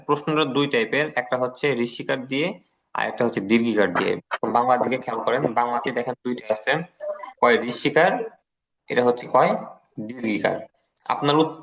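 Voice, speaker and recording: A man's voice: mid-range voice, fairly bright tone. A man with a Bangladeshi Bengali accent teaching an English class, patiently repeating each word and translating it. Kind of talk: online class lecture.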